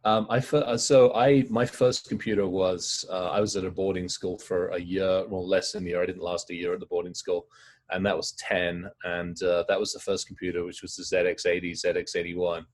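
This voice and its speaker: A middle-aged man, a guest in a casual interview, talking in quick, rambling stories. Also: low-pitched, flat delivery, darkish tone. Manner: fast, rambling storytelling.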